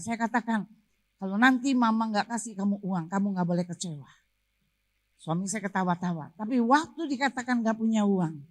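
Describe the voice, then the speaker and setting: A middle-aged woman pastor preaching a sermon with a personal testimony, moving from storytelling to fervent exhortation. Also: mid-range voice. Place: church service.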